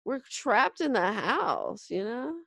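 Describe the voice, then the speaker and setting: Woman co-host, casual chat, drawling and wry, lively pitch swings, dry close sound. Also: slow pace, creaky, no room sound. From United States. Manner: drawls phrases out, swears and exclaims, wry asides. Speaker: talk show co-host.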